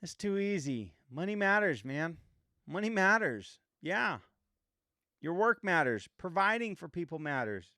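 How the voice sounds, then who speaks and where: A man's voice: sits high, very animated, unhurried, bright, forceful tone, no room sound, studio quality. A man in his fifties hosting a reflective motivational monologue, earnest and emphatic, repeating points and asking rhetorical questions. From United States. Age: 50s. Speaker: podcast host.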